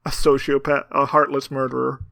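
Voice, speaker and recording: A man co-hosting a casual podcast chat, dry and deadpan with his jokes. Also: medium pitch, fairly quick, creaky, no echo. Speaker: podcast co-host.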